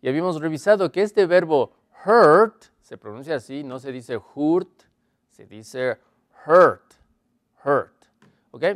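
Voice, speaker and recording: A man's voice: fairly high pitch, animated, dry recording, clean studio sound. Man teaching an English lesson. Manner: slow, drawn-out model phrases in English; explanatory, checks in with "¿sí?" and "¿ok?". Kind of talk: televised language lesson.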